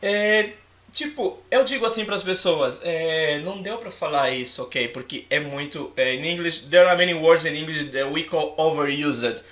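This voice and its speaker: A man teaching an English lesson in a casual, animated way, switching between English and Portuguese and acting out his students' lines. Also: on the high side, normal speed, roomy sound.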